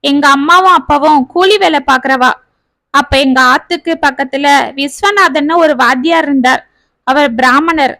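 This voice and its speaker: A woman voicing a gentle young woman who pleads and confesses in a spoken family story. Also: high voice, moderate pace, no echo. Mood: pleading.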